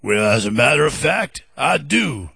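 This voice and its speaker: A man voicing a giant, laid-back, funky male octopus in a children's audio story, with a gravelly, drawling, slangy way of talking. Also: fairly high pitch, big pitch swings, a little slow, sharp tone, no echo, clean studio sound, exaggerated voice. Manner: cool, easygoing, slangy.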